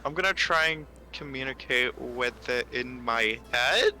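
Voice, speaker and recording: A man's voice: medium pitch, animated, unhurried, sharp tone, a little hiss or hum. A man playing a tabletop game, thinking aloud hesitantly about what his character does. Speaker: player.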